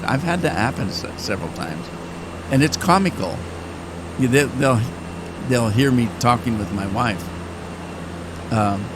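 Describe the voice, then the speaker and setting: This is casual play-along commentary from a gaming channel host, an older man whose talk wanders with pauses and false starts. According to him, getting older has deepened his voice and made it crack more often. Flight sim engine sounds run in the background.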